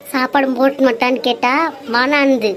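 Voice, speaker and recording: A woman voicing a sharp-tongued young daughter-in-law in a cartoon, with a Bangalore Tamil accent and a sarcastic, muttering manner. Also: high-pitched, fairly even intonation, normal speed. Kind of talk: cartoon voice acting.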